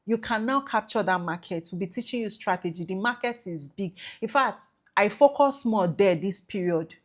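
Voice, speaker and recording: A woman's voice: mid-range voice, expressive, moderate pace. A Nigerian woman, an export business trainer, giving an emphatic promotional talk and checking in with "okay?" and "right?" as she goes. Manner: emphatic, repeats tag questions like okay and right; mixes in Nigerian Pidgin phrases. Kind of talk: promotional talk to prospective students.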